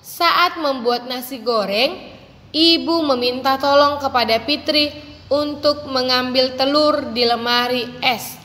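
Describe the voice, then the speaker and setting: A woman teacher with a high, bright voice talks young pupils through a lesson, coaxing and gentle, calling them dear. She sometimes acts out a child's requests in a squeaky voice. Her voice rings with a long hall reverb over faint room noise. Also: slow pace. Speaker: primary school teacher.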